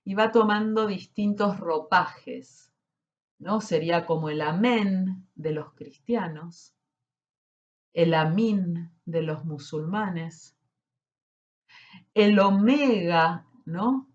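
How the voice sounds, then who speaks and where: Slow, deliberate woman teaching. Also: lowish voice, lo-fi sound. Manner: deliberate, often checks in with "¿sí?". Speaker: spiritual teacher. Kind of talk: slow explanatory teaching talk.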